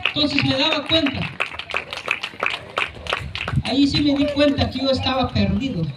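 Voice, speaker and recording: A man giving an impassioned testimony at a church service, preaching fervently and often shouting, with many repetitions. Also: extremely high pitch, measured pace, recorded from a distance, heavy background noise. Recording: echoey church room.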